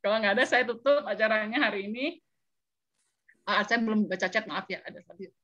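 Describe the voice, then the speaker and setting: A woman hosting an online business talk, telling stories in an animated, chatty way to her audience. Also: medium pitch, fairly quick, lo-fi sound. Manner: animated storytelling with chatty asides. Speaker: business mentor and webinar host.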